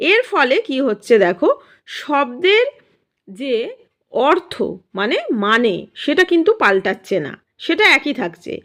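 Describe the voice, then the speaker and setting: Woman, teacher, online grammar lesson, patient step-by-step explanations, rhetorical questions, lively intonation. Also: fairly high pitch.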